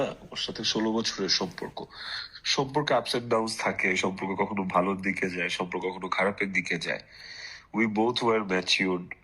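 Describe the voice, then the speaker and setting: A man giving a reflective personal account in a halting, explanatory way, mixing in English phrases. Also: fairly low pitch, bright, forceful tone, husky, poor audio.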